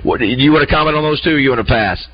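Upbeat morning radio host. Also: male voice, mid-range voice, rapid-fire. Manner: upbeat, chatty, plugs the show. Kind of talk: radio interview hosting. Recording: slightly muffled radio broadcast.

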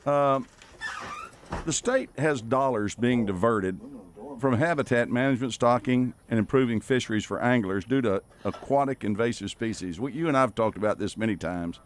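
Male radio co-host for casual outdoor chat; folksy, joking delivery, medium pitch. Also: moderate pace.

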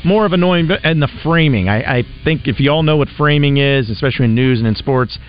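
A man's voice: mid-range voice, fairly quick, soft background music. A man hosting sports talk radio in a casual way, full of fillers. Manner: casual, filler-heavy talk with many "you know" and "uh". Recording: dry, slightly dull studio sound.

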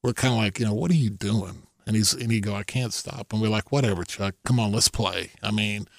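A man's voice: fairly low pitch, brisk, creaky, dry recording, studio quality. A middle-aged man telling golf stories in casual chat, rambling with many restarts, laughing often and acting out what others said.

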